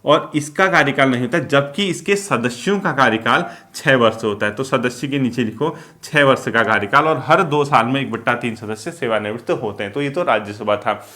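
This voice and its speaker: A young man teaching a classroom lecture, explaining slowly, repeating key terms and checking in with his students. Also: mid-range voice, pushed and bright.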